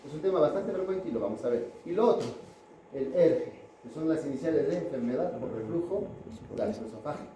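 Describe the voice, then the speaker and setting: A man's voice: on the high side, expressive, a little fast, mellow, reverberant, slight background noise, rough recording. A man giving a pediatrics class lecture, chatting with students and asking them questions.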